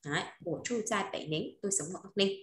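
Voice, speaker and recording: A woman's voice: medium pitch, quick pace, reverberant. A woman teaching a language lesson, repeating phrases and often checking that students follow. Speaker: Chinese teacher.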